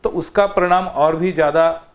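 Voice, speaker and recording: Male TV interviewer, slightly high. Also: steady tone, moderate pace. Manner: conversational, asks long listing questions. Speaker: TV interview host. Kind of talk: TV interview questioning.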